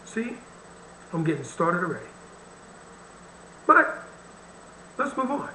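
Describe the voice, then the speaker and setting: A man's voice: high-pitched, sing-song, takes it slowly, pushed and bright, reverberant, a little hiss or hum, low-quality recording. A man hosting a reaction video, commenting bluntly and with wry irritation on the clip he plays. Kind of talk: casual commentary over a played video.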